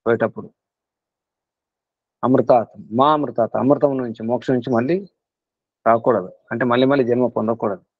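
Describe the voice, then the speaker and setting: An earnest Telugu guru leads a spiritual class and drives his points home through repetition. His mid-pitched voice comes through dry and slightly muffled. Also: fairly even intonation, brisk, pauses often, no echo.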